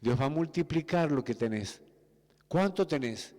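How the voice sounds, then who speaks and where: A man's voice: a little high, expressive, moderate pace, darkish tone. A man preaching a sermon with a Rioplatense Spanish accent, emphatic and full of rhetorical questions. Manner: emphatic, rhetorical questions, acts out quoted voices. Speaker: pastor. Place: church sanctuary. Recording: echoey church hall.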